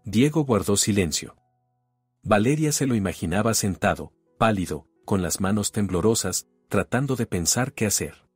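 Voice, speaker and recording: A man with a low, slightly husky voice narrating a domestic drama in a measured, even way. The sound is dry and close, with soft music faint underneath. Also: dry recording. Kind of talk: scripted narration of a drama story.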